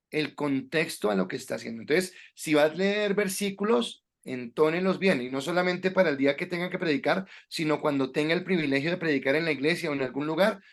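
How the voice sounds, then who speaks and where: A man teaching a class on preaching, giving direct instructions to the students with frequent hesitations. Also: a little high. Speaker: preaching instructor at a Bible school. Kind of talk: classroom lecture on sermon delivery.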